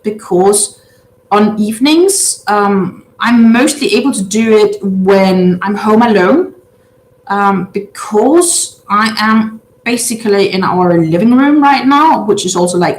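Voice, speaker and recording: This livestream host is a native Danish speaker in her thirties from Denmark, with a Danish accent and a medium-pitched voice. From a large open-plan living room, she chats casually with viewers and reads their comments, halting often and using lots of filler sounds, against a roomy echo.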